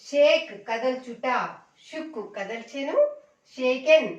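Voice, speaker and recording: A woman teaching a slow, repetitive vocabulary lesson, reciting each word and its meaning twice and speaking to viewers as friends. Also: high-pitched, roomy sound, recorded from a distance, low-quality recording. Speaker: English teacher.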